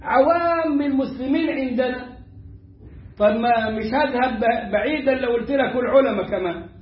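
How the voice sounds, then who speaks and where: Here the Egyptian teacher's high voice sounds roomy, with the highs cut off. He leads a tajweed lesson in colloquial Egyptian Arabic, demonstrating recitation by slowly repeating words with animated emphasis.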